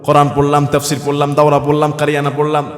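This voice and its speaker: A high-pitched man with a Bangladeshi Bengali accent delivers a waz sermon, pressing his listeners with rhetorical questions. His voice drops low, then rises to a shout. The recording is roomy, with a long reverb trailing each phrase. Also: completely flat delivery, quick pace. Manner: rhetorical questions to the crowd, swinging from soft to shouted. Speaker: Islamic preacher. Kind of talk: waz sermon with Quran recitation. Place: religious gathering (waz mahfil).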